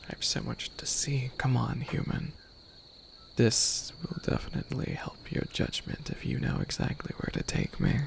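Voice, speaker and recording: In an ASMR roleplay, a man plays a centuries-old skeleton demon lord, speaking softly and partly in whispers, hesitant and curious, with old-fashioned formal phrasing. His voice is medium-pitched and gravelly, with a little hiss or hum in the recording.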